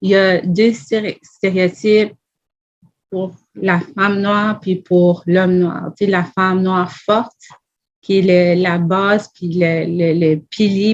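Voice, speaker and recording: On a panel discussion, a woman appearing as a podcast guest speaks earnestly, stacking her points one after another and pressing with questions. Her fairly low voice stays level in pitch at a measured pace, and the audio is dull and lo-fi.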